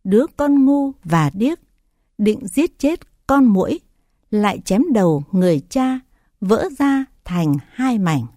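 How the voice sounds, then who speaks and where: A solemn, wise male teacher, voiced by a woman reading a scripture tale recites his teaching in a measured way. His delivery is slow and his tone mellow. The recording is dry and close. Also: mid-range voice, very animated, no echo.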